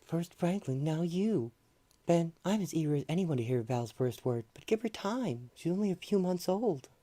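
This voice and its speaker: Male performer as young mother, raised pitch, soft breathy voice, earnest, anxious, comic-book radio play. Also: expressive, normal speed, no echo. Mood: gently amused.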